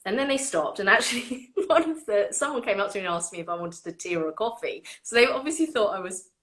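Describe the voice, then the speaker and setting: Chatty woman with a bright voice. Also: medium pitch, quick pace. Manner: chatty, laughs often, animated retelling. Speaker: orchestra violinist and host. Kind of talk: casual chat.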